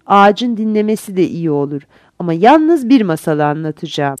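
Portly polite gentleman storyteller, measured and courteous, voiced by a woman. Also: fairly low pitch, animated, no room sound, studio quality, lightly acted. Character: portly kindly man telling children a tale.

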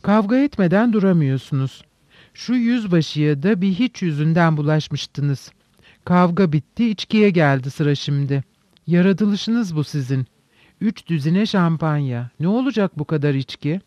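A man's voice: fairly high pitch, lively intonation, unhurried, darkish tone, no echo. A man voicing a wary, reproachful man who talks skeptically in an audiobook reading. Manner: chiding, skeptical. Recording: dull dry recording.

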